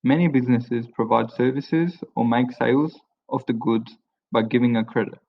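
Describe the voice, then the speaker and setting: A man with a mid-pitched, gravelly voice introduces the screencast in a plain, even reading. The screen-recording voice-over sounds dull and lo-fi. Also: moderate pace. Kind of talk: read-aloud screencast introduction.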